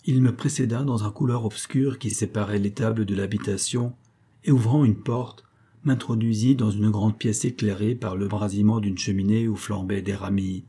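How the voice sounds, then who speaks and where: Male narrator, dark mellow voice, measured audiobook reading. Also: on the low side, steady tone, breathy edge.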